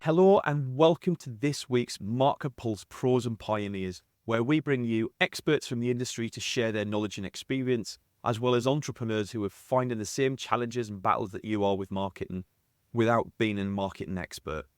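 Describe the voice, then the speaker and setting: A man with a Sunderland accent softened towards posh, hosting a podcast in a casual interviewing style. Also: mid-range voice, normal speed, dry recording, studio quality. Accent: Sunderland (Mackem), softened and posh. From North East England. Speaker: podcast host.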